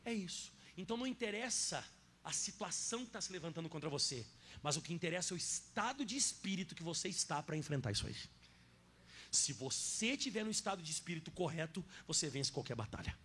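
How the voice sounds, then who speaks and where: A man with a Brazilian Portuguese accent preaching a sermon in church, swinging between soft asides and loud, emphatic declarations. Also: on the high side, lively intonation, quick pace, slight background noise. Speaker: pastor. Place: church sanctuary.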